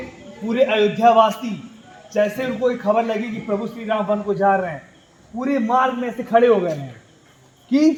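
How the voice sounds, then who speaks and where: A man with a high voice tells a story to a room of young schoolchildren. He keeps asking rhetorical questions and answering them himself, and he breaks into a slow sung chant now and then. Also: a little mellow, poor audio. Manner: sings the crowd's plea in a drawn-out chant. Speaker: teacher telling a story to children. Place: school hall at night.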